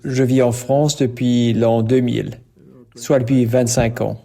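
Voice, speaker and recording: Slow, mellow-voiced priest, a man. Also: medium pitch, flat delivery, gravelly. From Cameroon. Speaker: parish priest, guest.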